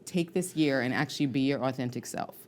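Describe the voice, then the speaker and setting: A woman's voice: extremely low pitch, fairly quick. A woman co-hosting a podcast in casual chat, earnest and repeating points for emphasis. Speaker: podcast co-host, fitness professional.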